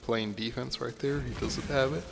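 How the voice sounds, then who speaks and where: A man's voice: mid-range voice, steady tone, moderate pace, creaky, noisy background. A man commentating a card-game match, casual and musing, often trailing off and restarting a thought. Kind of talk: esports play-by-play commentary.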